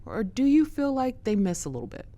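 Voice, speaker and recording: A woman's voice: on the high side, sing-song, brisk, mellow, a little hiss or hum. A woman interviewer chatting casually, reacting informally and colloquially to her guest.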